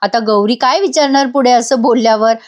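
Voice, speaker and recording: A woman narrating an episode recap in a voice-over, telling the story with lively exclamations and speaking to viewers. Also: a little high, a little fast, dull audio. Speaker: TV show reviewer.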